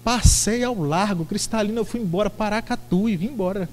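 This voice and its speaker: Middle-aged male preacher, high voice, theatrical storyteller, long church reverb. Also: brisk. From Brazil. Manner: lively, theatrical storytelling with acted-out voices and shouts. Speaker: pastor. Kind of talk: sermon. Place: church sanctuary.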